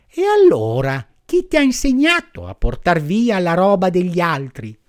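A man voicing a kind little female firefly who gently scolds a puppet, in a high, slow voice. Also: big pitch swings. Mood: scolding.

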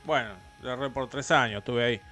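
A man's voice: medium pitch, fairly even intonation, fast talker, bright, forceful tone, faint music behind. A man in his forties with an Argentine accent, hosting a casual radio interview in a chatty, rambling, opinionated way. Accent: Argentine Rioplatense. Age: 40s. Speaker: radio host.

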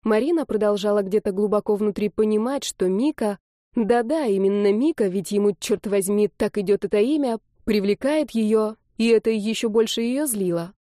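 A woman narrating a story in a scripted, even storytelling delivery. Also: medium pitch, moderate pace, dry recording, clean studio sound. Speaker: audiobook narrator.

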